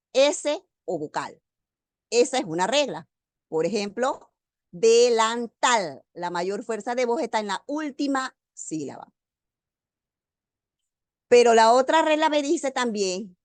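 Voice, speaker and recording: A woman teacher giving an online grammar lecture, speaking slowly and deliberately and stressing key words. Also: on the high side, dry recording. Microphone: video call.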